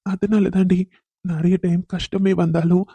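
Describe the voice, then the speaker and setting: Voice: medium pitch, level tone, a little slow, mellow, breathy edge, dry recording. A performer voicing a grieving young policeman and father in a cartoon, pleading with his late wife. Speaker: widowed father. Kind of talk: cartoon voice acting.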